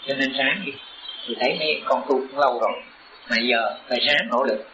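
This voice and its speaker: A man's voice: mid-range voice, brisk, a crowd in the background. A man, a Buddhist teacher giving a sermon to his disciples. He speaks in an earnest, exhorting way and pushes up into urgent emphasis. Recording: roomy, dull lo-fi recording.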